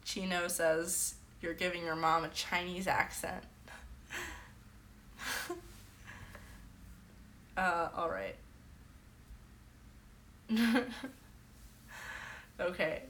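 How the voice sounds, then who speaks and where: A woman's voice: on the low side, flat delivery, slow, long pauses, sharp tone, roomy sound. A woman hosting a casual livestream from her bedroom, telling stories in a chatty way full of "like". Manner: chatty storyteller, heavy "like" filler. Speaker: livestream host.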